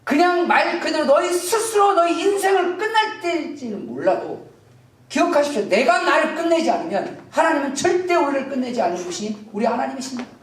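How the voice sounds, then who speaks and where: Woman preaching with lively pitch swings. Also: a little fast, a little hiss or hum. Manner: impassioned preaching, acting out biblical dialogue. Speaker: pastor. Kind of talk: sermon. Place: church sanctuary. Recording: echoey church, from a distance.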